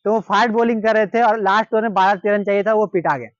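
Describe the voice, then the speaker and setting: A man's voice: high-pitched, steady tone, quick pace, no echo, highs cut off. A man with a Hindi-speaking Indian accent telling a cricketer's story in a casual, repetitive, conversational way, acting out the quoted lines.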